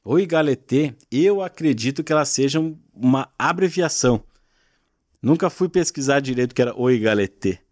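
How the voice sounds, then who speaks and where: A man's voice: mid-range voice, lively intonation, normal speed, darkish tone, dry recording, clean studio sound. A man, the guest on a podcast, patiently explaining regional expressions in casual chat. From southern Brazil. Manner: patient, explanatory, frequent tag questions. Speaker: guest, gaúcho culture content creator.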